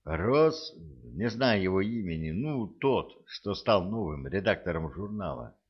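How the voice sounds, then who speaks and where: A man's voice: low-pitched, big pitch swings, measured pace, breathy edge, muffled recording, full character voice. A man voicing a frightened young man who bursts in and talks breathlessly. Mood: alarmed.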